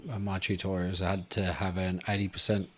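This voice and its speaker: A man, hosting a casual podcast chat in a relaxed, rambling way with lots of fillers. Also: low-pitched, brisk. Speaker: podcast host.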